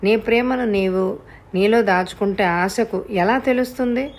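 A woman's voice: medium pitch, measured pace, natural voice. A woman narrator voicing a frank woman friend who urges and challenges. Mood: urging.

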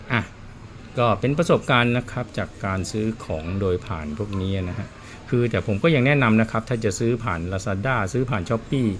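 A man with a lowish voice works on watches while chatting casually, a plain-spoken storyteller giving easy explanations. A little hiss or hum sits in the recording.

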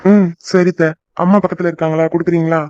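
Woman doing a young son voice, low and mellow, earnest, talks fast, dull dry sound. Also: level tone, no room sound, close to an everyday voice. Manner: earnest, reluctant. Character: dutiful young working son, homesick. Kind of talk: cartoon voice acting.

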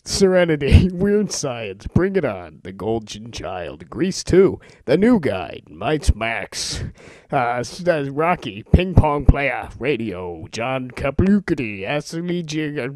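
Fooling around on a homemade demo, this amateur male voice talent sounds informal, joking, and pleased with himself. His tone is mellow with lively pitch, his pace unhurried, and the talk shifts between casual chatter and quick list reading, captured close and dry with no room sound.

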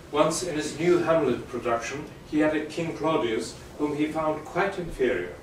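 A man's voice: on the high side, a little hiss or hum. Man recounting a stage anecdote, echoey. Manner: amused storytelling, builds to punchlines. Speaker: storyteller. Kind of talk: narrated theatre anecdote. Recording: very echoey room, distant mic.

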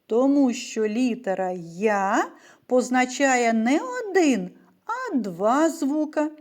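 A woman's voice: high voice, lively intonation, slow, darkish tone. A woman teacher leading a reading lesson for small children, asking questions and answering them in a patient, sing-song way. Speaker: primary school teacher. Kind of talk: slow, clear lesson for young children.

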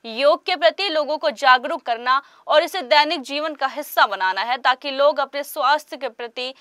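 A woman narrating a news report in a formal, even voice-over. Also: high voice, normal speed, no echo, studio quality.

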